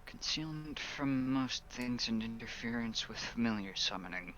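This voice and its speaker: Bright man on a dull, noisy mic. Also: medium pitch, animated, normal speed. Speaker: tabletop game player. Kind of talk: casual game chat. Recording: dull, noisy microphone sound.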